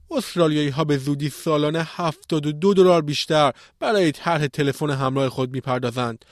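Male news presenter for a podcast, scripted read, fairly high pitch, close dry studio sound. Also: no echo.

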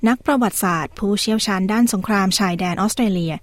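A woman's voice: medium pitch, fast talker, no echo. A woman narrating a scripted news feature as a radio presenter, formal and carefully enunciated.

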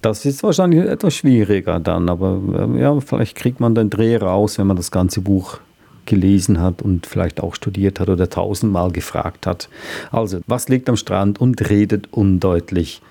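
Gravelly low-voiced man. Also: normal speed, dark tone. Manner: hesitant, many fillers. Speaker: co-host presenting children's books. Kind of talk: casual chat.

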